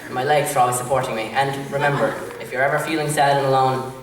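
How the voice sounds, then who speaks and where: A young Irish man doing live stand-up, chatty and rambling with filler pauses, recorded far from the mic in an echoey club. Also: medium pitch, fairly even intonation. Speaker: stand-up comedian. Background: crowd laughter and room noise.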